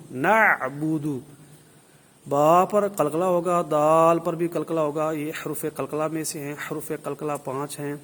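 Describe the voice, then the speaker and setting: A man teaching the rules of Quran recitation, explaining slowly and modelling drawn-out sample recitations. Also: fairly high pitch, a bit bright. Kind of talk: tajweed lesson.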